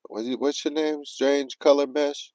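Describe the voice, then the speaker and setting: Animated man with a dark, dry voice. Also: a little high, a little slow, no echo, poor audio. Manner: animated, profane, retelling with quoted self-talk. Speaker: livestream vlogger. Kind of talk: casual storytelling livestream.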